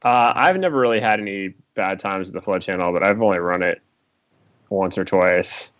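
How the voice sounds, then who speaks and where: Low voiced kayak guy telling a story, kinda muffled audio. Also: normal speed, fairly bright tone, dry recording. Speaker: kayaker guest. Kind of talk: casual storytelling.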